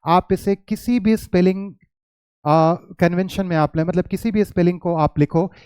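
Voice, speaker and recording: An Indian man gives an English pronunciation lesson, patiently saying each word again slowly for his students. His voice sits fairly high but sounds mellow and soft. The recording is dry and close, with no room echo. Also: fairly even intonation, clear, resonant tone. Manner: patient, repeats words slowly to model pronunciation; mixes Hindi with English words and phrases. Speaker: English teacher. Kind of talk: classroom lesson explanation.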